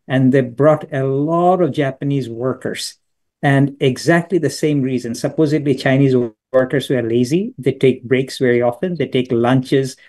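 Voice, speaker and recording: A middle-aged Bangladeshi business school professor answers a question during an online lecture over video call. His mellow, mid-range voice offers thoughtful anecdotes, with frequent restarts.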